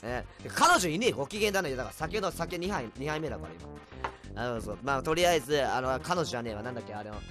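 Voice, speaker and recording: A man chatting on a casual home livestream, a bit tipsy, reading comments with a rambling, erratic manner and sudden loud outbursts. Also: mid-range voice, expressive, fast talker, over music. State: tipsy from drinks. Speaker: livestreamer, band vocalist. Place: at home, indoors. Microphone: cheap desk mic.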